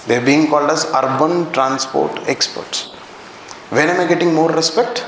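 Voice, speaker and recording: Indian male teacher, high voice, quizzes the room and answers himself, recorded in a very roomy classroom. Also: fairly even intonation, normal speed, a bit bright. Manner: questioning the class, answering his own questions. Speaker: anthropology teacher. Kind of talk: classroom lecture. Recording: very echoey classroom, faint background noise.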